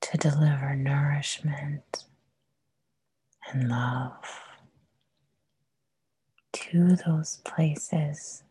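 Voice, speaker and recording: A woman whispering a guided meditation, soft and soothing with long pauses. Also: deep voice, steady tone, slightly rough, no room sound.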